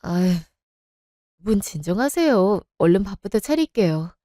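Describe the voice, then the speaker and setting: A woman's voice: medium pitch, very animated, unhurried, dark tone, no room sound, studio quality. A woman voicing a polite, patient young wife in a radio drama, placating and courteous.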